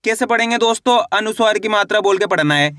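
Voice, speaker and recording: High, bright-voiced reading teacher man. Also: dry recording, clean studio sound. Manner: repetitive call-and-response drilling, drawn-out model words. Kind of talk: classroom-style video lesson.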